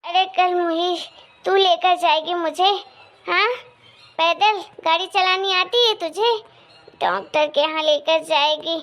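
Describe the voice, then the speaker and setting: Sharp-tongued, feverish mother-in-law who scolds and complains, played by a woman; cartoon story, high pitch. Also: slow, soft background music, heavily acted. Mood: scolding. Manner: bitter and scolding. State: feverish and in pain. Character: harsh, complaining middle-aged mother-in-law.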